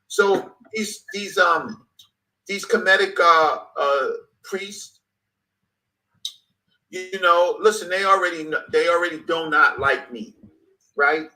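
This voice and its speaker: Emphatic man, 50s, higher bright voice, repeats for emphasis. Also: takes it slowly, pauses often, rough recording. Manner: emphatic, repeats phrases for stress. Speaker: guest speaker. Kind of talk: passionate conversation.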